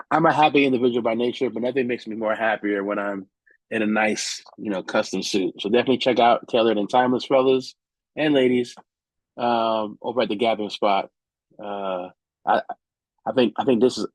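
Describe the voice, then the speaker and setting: A man's voice: mid-range voice, no echo, poor audio. A man, casually running through upcoming events as a tech vlogger, chatty and loose, with many fillers and restarts. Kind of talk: casual vlog event rundown.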